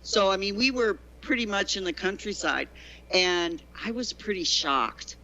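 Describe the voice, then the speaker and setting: A woman's voice: mid-range voice, measured pace, pushed and bright, dull audio. A woman guest telling long, digressive stories about teaching, chatting casually in an interview. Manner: chatty, digressive storyteller with many restarts. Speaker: guest, former teacher in China. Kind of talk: conversational interview.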